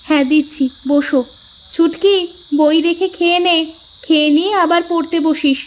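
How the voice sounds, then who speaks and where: A woman's voice: very high-pitched, fairly even intonation, normal speed, slight background noise. A woman voicing a caring, patient village wife and mother in a cartoon, soothing and reassuring. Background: faint music.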